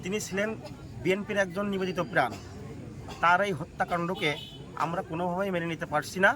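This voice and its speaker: Guy with a high voice, formal halting statement, crowd noise outside. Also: fairly even intonation. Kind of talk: formal statement recounting events. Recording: outdoor crowd and traffic noise.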